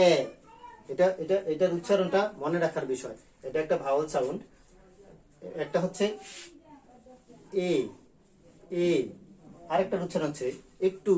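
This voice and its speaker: A male school teacher from Bangladesh giving an online grammar class, repeating key sounds slowly and drilling them. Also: a little high, darkish tone.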